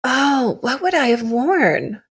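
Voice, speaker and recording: A woman's voice: high-pitched, animated, slow, slightly rough. Chatty laughing woman podcast co-host. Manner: chatty, laughing, self-deprecating. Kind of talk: casual chat.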